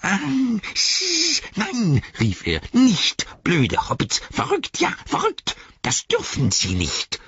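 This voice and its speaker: A wretched creature's voice, wildly swooping and husky, hissing and shrieking in slow, drawn-out whines. He refers to himself by name and sounds greedy and miserable. The recording is dull and lo-fi. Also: mid-range voice, wildly swooping pitch, a bit bright, no echo, pitched above the performer's own voice, heavily acted. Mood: hissing alarm. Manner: hissing, shrieking, talks of himself in third person. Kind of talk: audiobook character voice.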